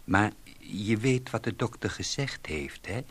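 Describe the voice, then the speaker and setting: A man voicing a frail, anxious elderly grandmother who speaks softly and carefully. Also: on the low side, animated, unhurried, breathy edge. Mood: worried. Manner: soft, careful, sighing.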